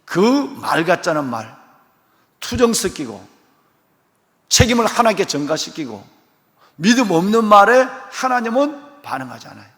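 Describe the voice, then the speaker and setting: A man preaching an expository sermon as senior pastor in a church, acting out biblical figures in quick, colloquial voices with a lively, swooping delivery. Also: sits high. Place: church sanctuary. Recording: long reverb of a church hall.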